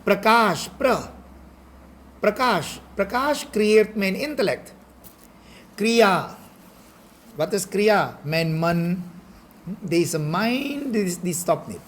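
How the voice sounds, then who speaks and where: A man, a spiritual teacher, giving a study lecture and often checking in with a quick "ja?" and a rhetorical question. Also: high-pitched, very animated. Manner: explains with frequent rhetorical questions and "ja?" checks, mixes in English phrases.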